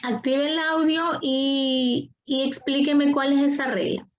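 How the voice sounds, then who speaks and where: A woman's voice: sits high, flat delivery, takes it slowly, dull audio. A woman teaching an online class, patient and coaxing, repeating her questions to the students over a video call.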